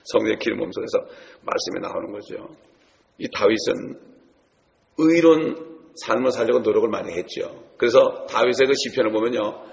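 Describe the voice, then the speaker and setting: A male preacher tells stories to his congregation and turns often to address them directly. His voice has a gravelly edge, and it rings out in a large church hall with long reverb. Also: lowish voice, normal speed. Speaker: pastor. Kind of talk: sermon.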